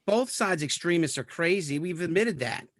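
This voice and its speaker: A man's voice: on the high side, expressive, normal speed, no echo, clean studio sound. A man in a casual panel chat, mostly chiming in with short, blunt remarks. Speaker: panel guest.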